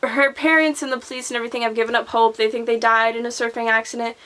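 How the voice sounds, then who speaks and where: Bright-voiced young woman chatting about books. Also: on the high side, flat delivery, fast, clear, resonant tone. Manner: chatty, rambling, frequent "like" and restarts. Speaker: book vlogger. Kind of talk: casual book review chat.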